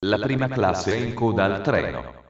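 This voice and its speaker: Man, flat formal station announcement, segmented phrasing, distant, muffled public address sound. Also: on the low side, normal speed, gravelly. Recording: echoey dull station loudspeaker from afar.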